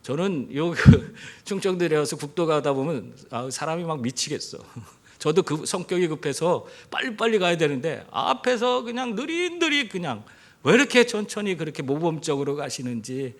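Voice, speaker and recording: A man's voice: a little high, normal speed. A male pastor giving a sermon in church, telling stories with animation and throwing questions at the congregation. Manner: engages the congregation with rhetorical questions; animated storyteller. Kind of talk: sermon with humorous anecdotes.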